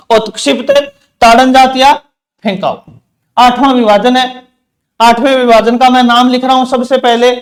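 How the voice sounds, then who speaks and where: A man teaching an exam-prep grammar lesson, repeating key terms and asking questions back to his students. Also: very high-pitched. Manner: says terms slowly, one by one.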